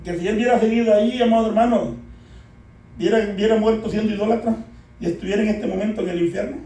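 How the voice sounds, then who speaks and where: A preacher with a high-sitting, dark-toned voice speaks fast and steadily to a church congregation, again and again addressing them as "beloved brothers" and asking for their response. The mic is distant, leaving an echoey hall sound.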